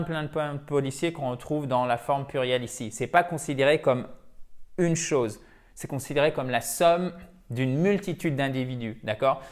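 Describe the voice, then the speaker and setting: A native French-speaking man giving an English grammar lesson, explaining patiently and often correcting himself. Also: mid-range voice. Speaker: English teacher.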